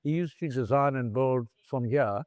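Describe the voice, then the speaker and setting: A man's voice: medium pitch, moderate pace, no echo. Storytelling man, dry close sound. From South Africa. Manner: animated anecdotal storyteller, acts out dialogue. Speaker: bar founder, interview guest. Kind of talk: casual storytelling interview. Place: bar in Cape Town.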